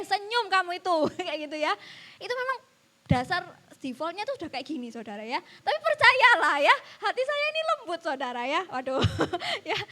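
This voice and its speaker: A woman's voice: sits high, pushed and bright. A woman preaching a church sermon, telling a personal story and addressing the congregation often. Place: church service.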